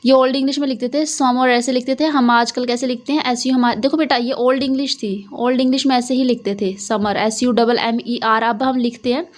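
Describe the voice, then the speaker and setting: A woman's voice: on the high side, steady tone, a little fast, few pauses. Woman teacher explaining in coaxing tones. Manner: repetitive, coaxing, asks and answers own questions. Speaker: English teacher. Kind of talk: Hindi-English classroom explanation.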